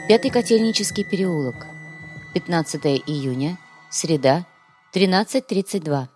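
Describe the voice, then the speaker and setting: A woman reading an audiobook as narrator, telling the story in an ironic, lively way. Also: on the low side, moderate pace, music in the background. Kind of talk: scripted narration.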